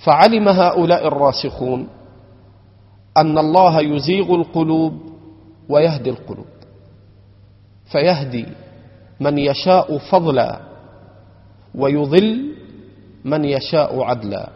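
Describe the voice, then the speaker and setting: A man giving a religious lecture, speaking in a measured way and slowing down to recite verses and correct pronunciation. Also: on the high side, expressive, slightly rough. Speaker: religious teacher. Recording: dull lo-fi recording with long hall reverb.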